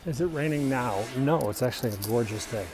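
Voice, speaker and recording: Music plays behind a middle-aged American livestreamer whose mid-range voice moves fairly quickly. He's hiking outdoors on a hilltop, casually answering viewers' questions into a phone he holds while walking, and the recording is noisy.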